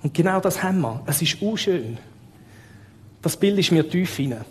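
Lively Swiss German man preaching. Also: high voice, moderate pace, big-room sound, slight background noise. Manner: lively, asks the audience rhetorical questions. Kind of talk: sermon.

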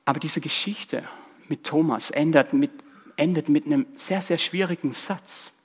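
Guy preaching, kinda high husky voice, hammers the same lines again and again, talks right at you. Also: moderate pace. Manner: emphatic, repeats key phrases, addresses listeners directly. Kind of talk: sermon.

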